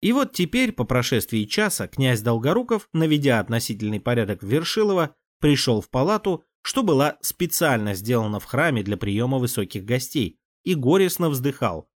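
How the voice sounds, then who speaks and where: A man narrating a historical novel in an expressive reading style. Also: mid-range voice, normal speed, few pauses, dry recording. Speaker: audiobook narrator. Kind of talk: scripted narration.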